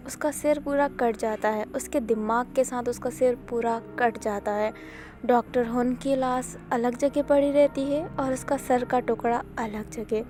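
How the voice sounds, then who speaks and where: A woman's voice: on the high side, a little mellow. A woman narrating fan fiction in a casual, chatty way, mixing in English words.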